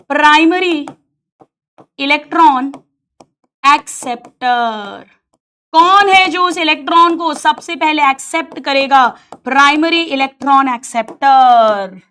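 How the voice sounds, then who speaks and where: A woman with a high voice teaches a biology lesson to her students. She tells it as a lively story and turns the science into little arguments between characters. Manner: animated, acts out quarrels between characters, addresses students as beta. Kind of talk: storytelling lesson in Hindi with English terms.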